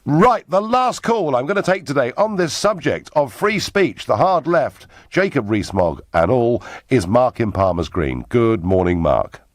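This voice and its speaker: An English man hosting a talk radio phone-in, animated and quick to interject and chuckle. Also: medium pitch, no room sound, clean studio sound. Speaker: radio host. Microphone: studio mic.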